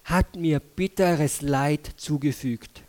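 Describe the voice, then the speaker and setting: A man voicing a grieving, bitter old widow who laments her fate in a slow, heavy way. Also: on the high side, darkish tone, pitched below the performer's own voice.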